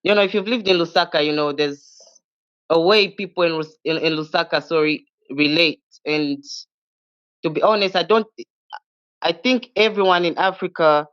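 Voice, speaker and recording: A young man, a rapper, answers hesitantly and fills the gaps with ums. His voice is smooth and a little high, and the recording is dull and lo-fi. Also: normal speed, a bit bright. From Zambia. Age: young adult. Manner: hesitant, filler-heavy. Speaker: rapper guest. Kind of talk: casual interview answers. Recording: dull lo-fi sound.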